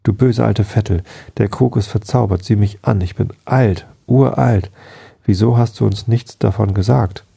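A man's voice: lowish voice, moderate pace, gravelly, warm tone, breathy edge, no room sound, clean studio sound, full character voice. A man voicing a boy who has turned into a frail old man, confused and then angry, in a bedtime storybook reading. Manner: bewildered, then angry and desperate.

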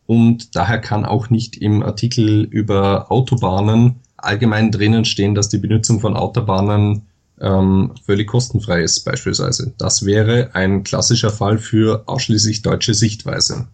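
A man from Vorarlberg in western Austria, with an Austrian accent, speaks in a fairly low, slightly mellow voice with little pitch movement. As a guest on a podcast interview, he explains things at length in careful standard German, measured and full of hesitations.

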